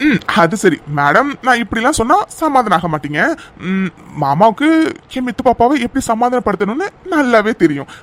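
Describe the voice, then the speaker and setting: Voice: medium pitch, very animated, a little fast, close to an everyday voice. A voice actor playing an affectionate young man in a cartoon love story, coaxing and pleading with his fiancée to stop crying. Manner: coaxing, pleading and playfully bossy. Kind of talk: cartoon voice acting.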